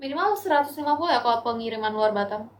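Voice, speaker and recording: A woman's voice: a little high, animated, rapid-fire. A young Indonesian woman selling clothes on a live stream, chatty and tired, pleading with viewers for likes and gifts. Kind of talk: casual live-selling chat.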